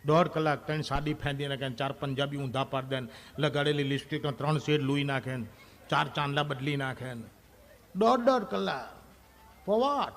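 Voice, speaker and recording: A man's voice: a little high, normal speed, a bit bright. A man performing a stand-up comedy monologue on stage, chatting straight to the audience and acting out scenes from married life. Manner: chatty, addresses the audience directly.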